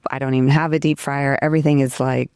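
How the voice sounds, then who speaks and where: A woman's voice: a bass voice, flat delivery, fast, darkish tone, clear, resonant tone, dry recording, studio quality. A woman who owns a restaurant, giving chatty advice as an interview guest with many fillers. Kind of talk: casual interview chat.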